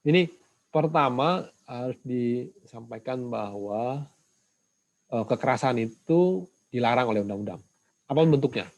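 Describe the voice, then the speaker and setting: A male lecturer with a mid-pitched voice talks through a point in an online class. He pauses often on fillers and tags his sentences casually. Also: lively intonation, a little mellow, low-quality recording. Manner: halting, many "eh" fillers and tag "ya".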